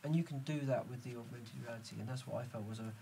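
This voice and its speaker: A man's voice: medium pitch, fast, mellow, distant mic, slight background noise. A man hosting a podcast, chatting casually with lots of fillers and restarts. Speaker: podcast host. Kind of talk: casual business chat.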